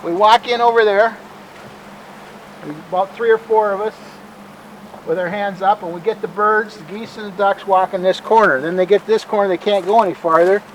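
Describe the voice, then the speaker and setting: Calm, higher-pitched male museum guide. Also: normal speed, a little hiss or hum, low-quality recording. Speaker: bird sanctuary museum guide and bird bander. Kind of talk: informal guided tour, explaining.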